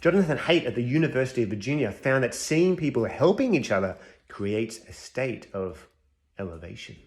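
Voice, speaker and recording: Scruffy bearded compassion expert, a man in a comedic chapel sketch, cocky, lecturing, medium pitch. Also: very animated, moderate pace, darkish tone. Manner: confident, lecturing through a list of studies.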